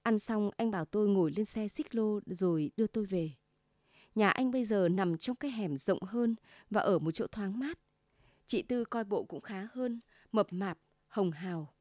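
A woman reading a story aloud, in an even, measured narration. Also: mid-range voice, dry recording, clean studio sound.

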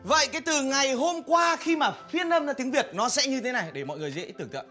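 A man's voice: extremely high pitch, lively intonation, fast, pushed and bright, faint music behind, heavily acted. An actor playing a young man who poses as an English tutor in a radio comedy sketch, with a playful sing-song delivery. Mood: teacherly. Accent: southern Vietnamese.

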